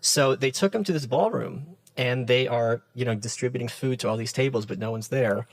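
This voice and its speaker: A man from the Soviet Union, a podcast guest in casual conversation, telling stories in a lively way and acting out the quoted lines. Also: mid-range voice, a little fast, dry recording, rough recording. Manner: animated storyteller who acts out quoted dialogue.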